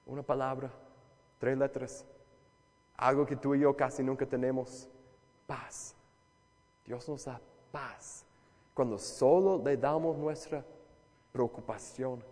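A man preaching a conversational sermon as a pastor, asking listeners direct questions and dropping from loud emphasis to hushed, soft lines. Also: mid-range voice, steady tone, slow, long pauses. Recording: long reverb of a large hall.

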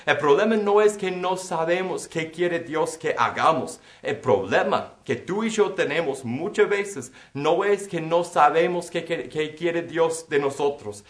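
A man delivers a sermon in a high, light voice, weaving a story from his childhood into the message. The sound rings around an echoey room. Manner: storytelling preacher, acts out quoted voices. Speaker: pastor.

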